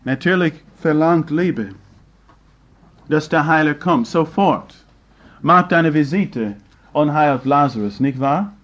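A man preaching a sermon in slightly broken German, firing rhetorical questions at the congregation and swinging between loud and hushed. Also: a little high, lively intonation, slow pace, lo-fi sound.

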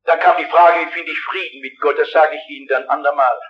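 A man's voice: fairly high pitch, steady tone, a little fast. A man in his sixties preaching a revival sermon in a large hall, urgent and fervent, speaking straight to his listeners. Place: large hall with a big audience. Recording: dull lo-fi archival recording.

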